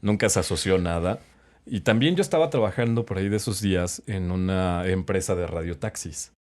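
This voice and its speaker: A middle-aged man with a Mexican accent, a voice-over announcer, telling animated stories and acting out the people in them as a podcast guest. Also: deep voice, fairly quick. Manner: animated anecdote-teller, acts out quotes. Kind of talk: casual storytelling chat.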